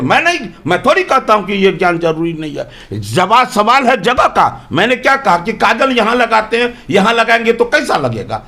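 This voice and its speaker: A man's voice: sits high, sharp tone. A man, a politician from Bihar, answering interview questions in an emphatic, argumentative way full of rhetorical questions.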